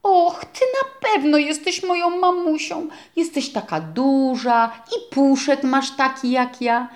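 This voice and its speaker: A woman voicing a tiny lost baby chick that peeps in a high, squeaky voice and is tearful and clingy, in a storybook reading. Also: slow pace. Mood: eager. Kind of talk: storybook character voice.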